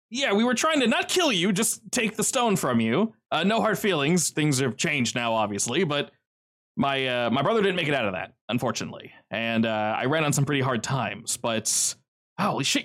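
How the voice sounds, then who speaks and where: A man voicing an excitable young man who stammers and rushes through his words at a reunion. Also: mid-range voice. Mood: flustered.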